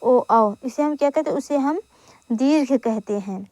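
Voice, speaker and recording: A woman's voice: high voice, warm tone, dry recording. A woman teaching an exam-prep grammar lesson, repeating each point and asking then answering her own questions. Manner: corrects herself aloud with quick apologies.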